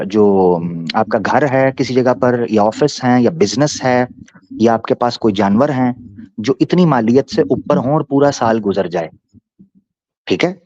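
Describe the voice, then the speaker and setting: A man hosting a debate, teasing and pressing his questioner, then slowing down to explain point by point. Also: mid-range voice, a little mellow, no echo. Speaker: debate host answering a questioner. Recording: dull dry lo-fi sound.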